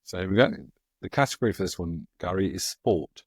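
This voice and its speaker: Deep-voiced man hosting a quiz. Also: expressive, fairly quick, breathy edge, no room sound. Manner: asks quiz questions, laughs easily. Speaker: podcast host running a quiz. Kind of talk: casual chat.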